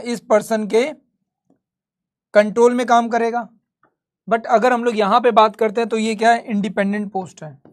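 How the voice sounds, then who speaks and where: A man teaching history in a live online class. He talks conversationally, quizzes his students and answers his own questions. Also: sits high.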